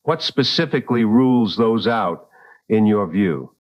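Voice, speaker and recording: A man voices a composed host of a late-night call-in radio show for an audio drama, asking searching questions in a polite, even manner. He speaks on the lower side and expressively. There's no echo, though the sound is a little dull.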